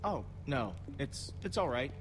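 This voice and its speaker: A polite, self-effacing young companion in a video game. His voice sits at a middle pitch, with clear game music under it. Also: sing-song, a little slow. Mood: modest. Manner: polite, humble.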